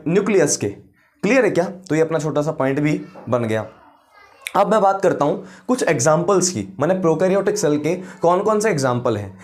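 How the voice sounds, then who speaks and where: A man teaches biology in a high, lively voice that rises and falls a lot. He asks the class questions, answers them himself and repeats each term slowly so it sticks. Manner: mixes English science terms into Hindi. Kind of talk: classroom lecture.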